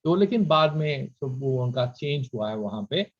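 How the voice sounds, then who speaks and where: A man's voice: mid-range voice, expressive, moderate pace, muffled recording. A man giving a spiritual lecture to students, slipping English phrases into his talk and reciting Sanskrit verses. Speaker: workshop speaker.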